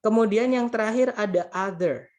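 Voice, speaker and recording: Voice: medium pitch, normal speed, darkish tone. Casual grammar tutor talking to friends, patient, goes over each example twice. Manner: patient, repeats points and translates each example; keeps addressing listeners as friends. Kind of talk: casual spoken grammar lesson.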